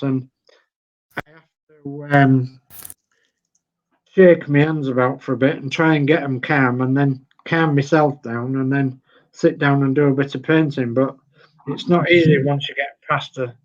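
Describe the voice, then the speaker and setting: A man's voice: mid-range voice, a little mellow, highs cut off. An older man with a Yorkshire accent, patiently talking through model-building steps and reading instructions aloud on a video call. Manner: slow, patient, reads instructions aloud step by step.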